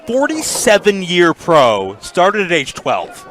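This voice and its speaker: A man calls a lucha libre match as the announcer, delivering the wrestling moves in short, clipped phrases. His voice is high, swings widely in pitch, and moves slowly. The low-quality recording has loud noise surrounding his commentary.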